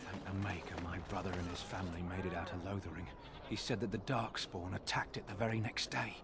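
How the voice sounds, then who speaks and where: A man's voice: low-pitched, steady tone, brisk, over a noisy crowd. A man playing a plain, sombre townsman in background video game dialogue. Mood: relieved, uneasy. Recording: loud ambient noise over voice.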